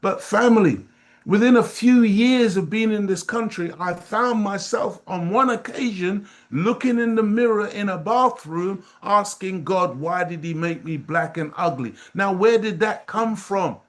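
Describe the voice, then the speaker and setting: With a high-pitched voice and a measured pace, a middle-aged Jamaican man addresses his study group in an impassioned teaching talk. His delivery is emphatic and preacher-like, repeating phrases for weight.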